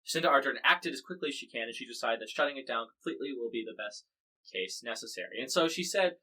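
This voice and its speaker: A man's voice: mid-range voice, lively intonation, fast talker, sharp tone, low-quality recording. An American man hosting a podcast, covering the news in casual, wry chat full of fillers and restarts. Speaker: podcast host.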